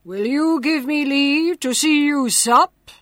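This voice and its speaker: A woman voicing a gentle, humble male beast who speaks loudly and draws his words out. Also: high voice, slow pace, dry recording, clean studio sound, voice pushed up. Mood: plaintive.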